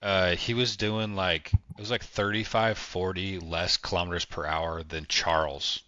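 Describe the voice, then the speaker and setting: Deep-voiced, blunt podcast co-host man. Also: steady tone, measured pace, bright, forceful tone, dry recording, highs cut off. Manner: emphatic, blunt opinions. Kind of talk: casual chat.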